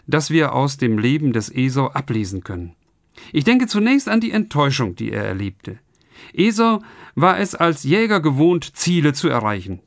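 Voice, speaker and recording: Male radio preacher, earnest and direct, voice pitched a little high, dry studio sound. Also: dry recording. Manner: earnest, addresses listeners directly. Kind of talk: radio sermon.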